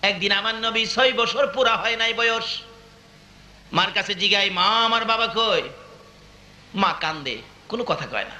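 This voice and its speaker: A male preacher delivers a waz sermon in a very high, sharply bright voice. His lines swell into melodic, chanted cries full of passion. The recording is echoey. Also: expressive, normal speed. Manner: impassioned, rising into sung cries. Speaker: Islamic preacher. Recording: echoey live sermon audio.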